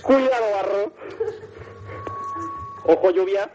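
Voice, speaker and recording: A man's voice: high-pitched, takes it slowly, over music. A man calling a radio show over the phone, rambling urgently and barking out rally-style road warnings. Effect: heard over the phone line. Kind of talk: prank call, rambling chatter. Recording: noisy phone line.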